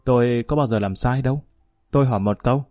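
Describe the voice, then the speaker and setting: A man voicing a calm, firm middle-aged village woman who mediates among husbands, speaking in a measured, plain-spoken, commanding way. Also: mid-range voice, dry recording, studio quality, faint music behind, natural voice.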